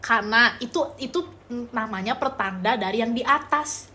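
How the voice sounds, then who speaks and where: On the high side and pushed and bright, this young woman's voice moves at a moderate pace, with a little hiss or hum in the audio. She hosts a casual livestream, offering relationship advice to chatters, addressing them by pet names, and affectionately blending in English phrases.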